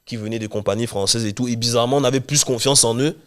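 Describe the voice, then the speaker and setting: A young man from Cameroon, a guest chatting casually in an interview, talking in quick run-on restarts. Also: medium pitch, a bit bright. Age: young adult. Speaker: guest, real estate investor and coach.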